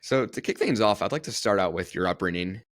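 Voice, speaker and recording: Deep-voiced male podcast host, dry and close, friendly and encouraging. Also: animated, a little fast, a bit bright, dry recording. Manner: friendly, affirming with brief interjections. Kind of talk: interview hosting.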